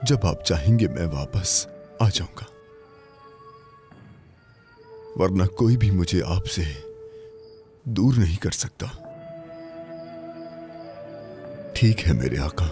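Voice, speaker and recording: Fervent fearless preacher, really animated pitch, music in the back. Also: male voice, normal speed. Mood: devoted. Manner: fervent, proclaiming. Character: devout fearless male preacher of the faith. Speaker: dub actor. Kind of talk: Urdu film dubbing. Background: film score.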